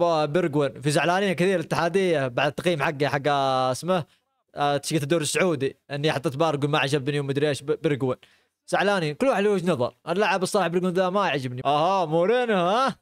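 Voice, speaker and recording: A man's voice: on the high side, rapid-fire, dry recording, clean studio sound. A young man from Arabia, reacting to football clips with frequent exclamations and laughter. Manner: excitable, exclaims and laughs often. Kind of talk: live reaction commentary.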